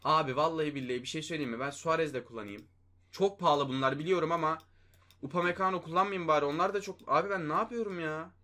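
A man's voice: on the high side, fast, pushed and bright. A man hosting a mobile game video, talking through his gameplay in casual commentary, often exasperated and talking to himself and his viewers. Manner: exasperated, talks to himself and viewers, mild swearing.

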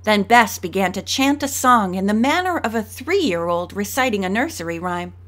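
A woman narrating an audiobook, shifting her pitch and pace to voice each character. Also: expressive, normal speed, fairly bright tone.

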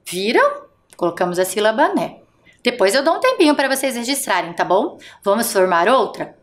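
A woman leads a first-grade lesson for a TV broadcast, sounding out each letter and syllable slowly and patiently. Her voice sits fairly high and swings widely in pitch, coaxing the children along. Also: very animated. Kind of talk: televised classroom lesson for young children.

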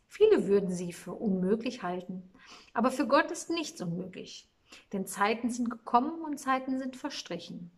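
Woman reading as a gentle wise angel. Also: a little high.

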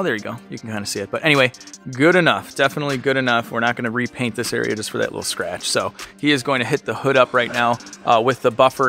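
A man's voice: mid-range voice, bright, forceful tone. A man in his thirties, an enthusiastic car vlogger, narrating and chatting in a large detailing shop. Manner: upbeat, enthusiastic. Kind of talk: vlog narration and shop chat.

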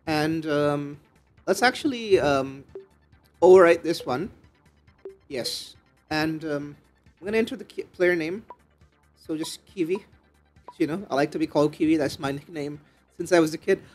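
A man's voice: fairly high pitch, moderate pace, pauses often, faint music behind. A man hosting a casual let's-play, rambling and joking with many fillers. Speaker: gaming channel host.

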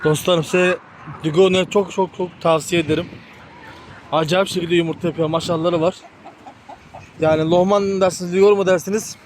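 Guy with a high voice chatting about his chickens out at the coop, lots of noise around him. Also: steady tone, brisk, pauses often. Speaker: poultry hobby vlogger. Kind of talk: casual chat to camera while tending chickens. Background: chickens and rooster clucking.

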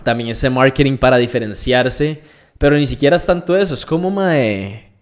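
A young man with a Costa Rican accent talks in a loose, casual podcast chat. He is blunt and emphatic and packs his talk with street slang, with a voice of middling pitch. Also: normal speed. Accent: Costa Rican Spanish. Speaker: podcast guest, fitness influencer.

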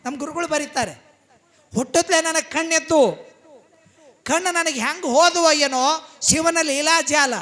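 High bright-voiced North Karnataka preacher. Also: male voice, moderate pace, pauses often. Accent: North Karnataka Kannada. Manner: impassioned, emphatic, retells scenes with quoted voices. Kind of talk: devotional sermon storytelling.

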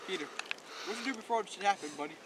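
In film outtakes shot in the woods, a young amateur actor with a high voice rehearses scripted dialogue, delivering his lines casually and hesitantly at a racing pace. The camera picks up plenty of outdoor background noise.

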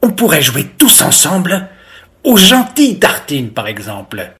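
A reader voicing a friendly, playful wolf in a children's story, speaking softly and coaxingly. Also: medium pitch, wildly swooping pitch, unhurried, exaggerated voice. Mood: gentle. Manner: soft and coaxing.

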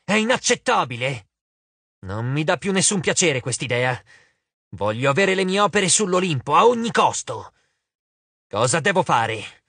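A man voicing a vain, touchy giant spider woman for a storybook, with shrill, shrieking outbursts. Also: lively intonation, moderate pace, fairly bright tone, slightly rough, dry recording, full character voice. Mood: indignant.

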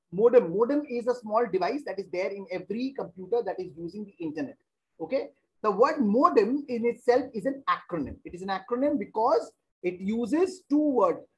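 A man teaching a class over a video call. He explains slowly and repeats phrases, filling gaps with hesitations while he works the computer. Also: sits high, highs cut off. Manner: repetitive, thinks aloud with many hesitations.

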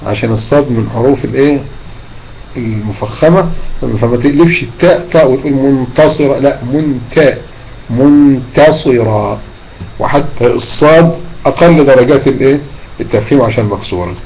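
Egyptian Arabic male teacher for an online Quran class, patient and demonstrative, warm low-key timbre. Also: vocal fry, slight background noise, low-quality recording. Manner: patient, drawn-out demonstration of recitation. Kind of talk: online tajweed lesson.

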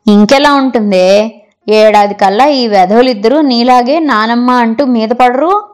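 A woman's voice: on the high side, normal speed, natural voice. A woman voicing an angry, traditional older sister who scolds with heated, scornful questions in a storybook reading. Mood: indignant. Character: angry orthodox older sister, sharp-tongued.

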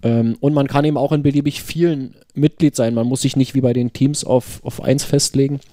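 A man's voice: mid-range voice, fairly even intonation, fairly quick, warm tone, no echo. A man co-hosting a podcast, chatting casually in stop-and-start phrases, recorded close up. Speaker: podcast co-host, website developer.

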